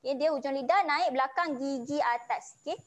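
Woman, Malaysian Malay accent, high voice, patient Quran recitation teacher, online lesson. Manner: patient step-by-step instruction, chanting verses slowly.

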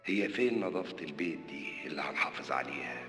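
A man's voice: rumbling low, animated, quick pace, fairly bright tone, big-room sound, soft background music. An actor playing a weary, newly single man with an Egyptian accent, muttering sarcastic grumbles. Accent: Egyptian Arabic. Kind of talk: TV comedy series acting.

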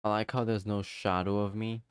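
A man chatting casually and playfully as he livestreams a game, rambling in halting bits and repeating his phrases. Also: lowish voice, flat delivery, clean tone, dry recording. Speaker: livestreamer, VTuber. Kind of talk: casual livestream chat while playing a block-building game.

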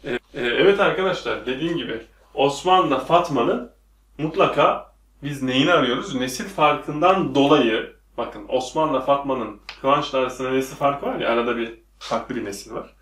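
At a moderate pace and medium pitch, with a slightly bright tone, a male English teacher quizzes viewers again and again during a whiteboard lesson. The classroom audio is echoey, with the voice coming from a distance.

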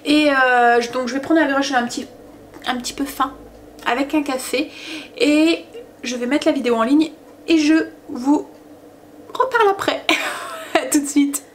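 Woman, mother vlogging from her kitchen: high voice, chatty and meandering, lots of hesitations. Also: measured pace, long pauses, a little hiss or hum. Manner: rambling, chatty, full of hesitations. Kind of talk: casual chat to camera.

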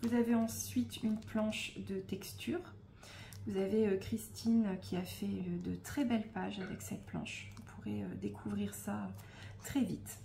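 A woman hosting a casual unboxing of craft supplies, speaking in a relaxed, hesitant way with frequent fillers and soft asides. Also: medium pitch, unhurried, creaky, slight background noise. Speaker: scrapbooking shop host.

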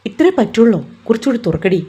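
A woman's voice: fairly high pitch, big pitch swings, fast talker, mellow. Woman reading a teasing, bossy young fiancé. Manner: teasing, coaxing, commanding.

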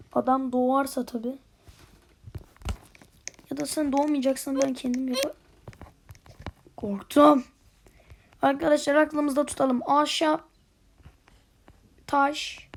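A young woman chatting excitedly over her gameplay as a channel host, muttering and whispering to herself. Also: high-pitched. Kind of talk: casual gameplay commentary.

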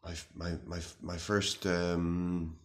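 This man in his thirties has a low voice with little pitch movement as he plays a nervous, earnest, melodramatic self-appointed warrior. Recording a comic video response in a small room, he speaks to camera in a halting, mock-serious way, grave and bewildered, measured and full of long pauses.

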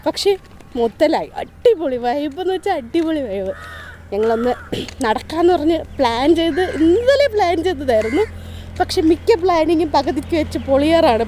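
A woman's voice: high-pitched, warm tone. A woman talks casually as she walks outdoors. She addresses viewers directly and often repeats her phrases. Faint roadside ambience sits behind her voice. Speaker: vlogger. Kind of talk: casual chatty walking vlog. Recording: outdoor street ambience and traffic noise.

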